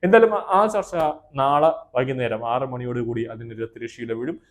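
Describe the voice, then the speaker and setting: A man's voice: mid-range voice, lively intonation, brisk. A man presenting a news report in a formal tone, reading out long lists of names and titles.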